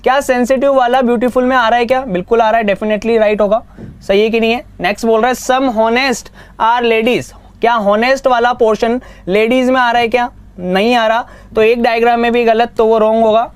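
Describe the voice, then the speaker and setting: A man teaching reasoning in a live exam-prep class, brisk and coaxing, mixing Hindi with English. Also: very high voice, little pitch movement, clear, resonant tone, no room sound.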